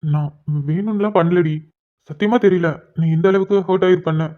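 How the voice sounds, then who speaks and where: A woman voicing a shy young husband in a cartoon, speaking softly and apologetically one moment and teasing his wife the next. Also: lowish voice, brisk, heavy background noise, lightly acted. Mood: pleading. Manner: soft, apologetic then playfully teasing. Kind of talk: cartoon dialogue voice acting. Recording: dull lo-fi recording.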